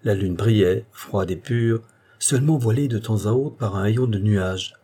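A man narrates a novel as a scripted audiobook, measured and expressive in his storytelling. His low voice is mellow and dark, with a husky grain.

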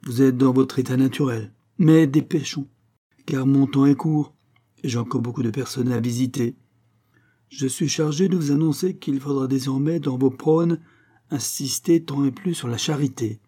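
A man's voice: medium pitch, moderate pace, mellow, natural voice. A man voicing a young male angel messenger who speaks eloquently and preaches. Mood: brisk. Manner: solemn, sermonizing delivery.

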